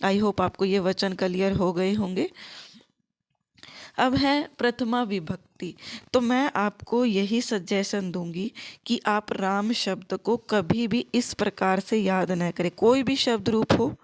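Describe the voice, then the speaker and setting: A woman gives an exam-prep grammar lesson at an unhurried, careful pace. Her pitch sits in an ordinary middle range, and she keeps repeating forms and asking her students to say them back with her. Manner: slow, repetitive, drills students in call-and-response; mixes English words into Hindi. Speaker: Sanskrit teacher.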